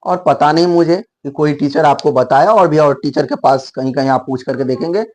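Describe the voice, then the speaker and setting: High-voiced man teaching word origins. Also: moderate pace, darkish tone. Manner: explains step by step, repeats words to model pronunciation. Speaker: English teacher. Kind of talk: explanatory video lesson.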